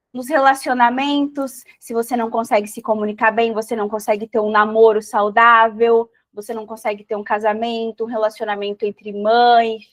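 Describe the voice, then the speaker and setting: Brief: woman mentor on a video call, high voice, dry close sound, coaxing questions. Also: a bit bright, dry recording. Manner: encouraging, asks listeners reflective questions. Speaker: mentor teaching an online class. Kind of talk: live online class talk.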